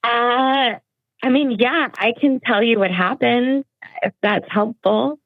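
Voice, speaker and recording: Slow, hesitant woman over the phone. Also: fairly high pitch, no room sound, phone-quality sound. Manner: hesitant, filler-heavy. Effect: heard over the phone. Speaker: caller reached by phone. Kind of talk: casual phone conversation.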